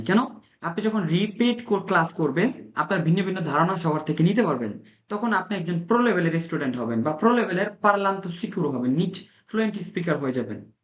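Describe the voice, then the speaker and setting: A man's voice: high voice, dull audio. A man from Bangladesh teaching an informal language class, coaching his listeners and repeating key points. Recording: roomy echo.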